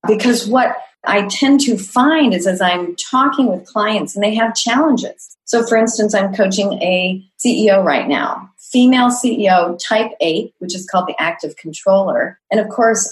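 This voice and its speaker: A woman's voice: mid-range voice, normal speed, few pauses, rough recording. A middle-aged woman, an executive coach, answering interview questions in an earnest, reflective way.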